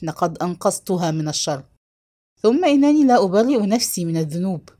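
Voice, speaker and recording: A stubborn old man speaks low and grave in a storybook reading, as a woman puts him on. His words come measured and heavy, with a lowered, subdued voice and a lively rise and fall.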